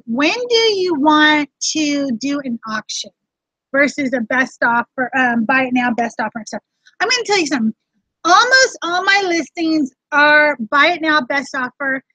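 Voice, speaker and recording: A reseller vlog host with a high-pitched, sharp voice runs a casual livestream tutorial, chatting directly to viewers as she explains things. The sound is dull, lo-fi, and dry.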